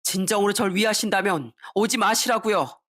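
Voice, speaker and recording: A woman's voice: mid-range voice, moderate pace, a bit bright, close to an everyday voice. A woman voicing an arrogant adult son who talks back coldly and cuttingly to his parents. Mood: cold defiant. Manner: cold, cutting.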